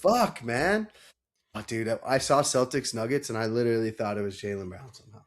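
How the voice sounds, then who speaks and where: A man talking sports casually like a frat bro, animated and slangy, with heavy swearing and mimicked voices in his retellings. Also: mid-range voice, fairly quick. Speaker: sports podcast host.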